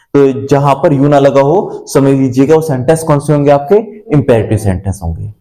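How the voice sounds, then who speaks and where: A man's voice: mid-range voice, moderate pace, warm tone, roomy sound, low-quality recording. A male teacher, a Hindi speaker, giving a classroom English grammar lesson and patiently repeating example sentences.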